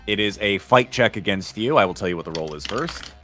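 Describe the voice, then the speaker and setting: A male game master with a fairly low voice, narrating a tabletop adventure in measured, formal phrases. Soft music plays behind him. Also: lively intonation.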